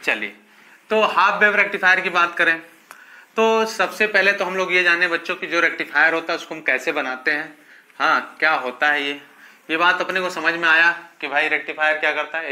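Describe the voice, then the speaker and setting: In a classroom physics lecture, a man with a slightly high, pushed, bright voice speaks a little fast with a steady tone. He addresses the students as children, answers his own questions, and repeats okay frequently.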